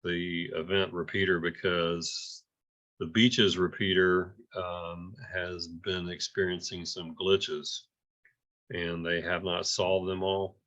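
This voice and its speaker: Low-pitched and fairly bright, this man's voice has a flat delivery as he gives an informal report to an amateur radio club. He speaks haltingly, with frequent hesitations and repeated words, and the recording sounds dull and muffled.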